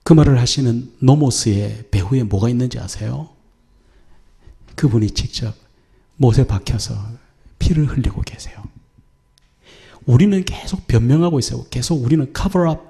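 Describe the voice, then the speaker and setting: A man's voice: mid-range voice, expressive, normal speed, creaky, pauses often, dark tone. A man preaching a Sunday sermon as pastor, speaking earnestly and sometimes dropping to a whisper for emphasis. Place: church sanctuary.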